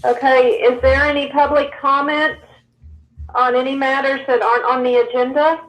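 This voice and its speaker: A woman, calling in over a crackly cordless phone line and briskly running a board meeting. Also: sits high, level tone, echoey room. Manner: brisk, procedural.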